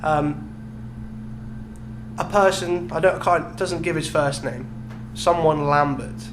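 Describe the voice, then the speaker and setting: A man whose voice is on the high side speaks slowly as a podcast co-host, telling a story in an amused, explanatory way during casual chat. Hum and noise are clearly audible in the recording.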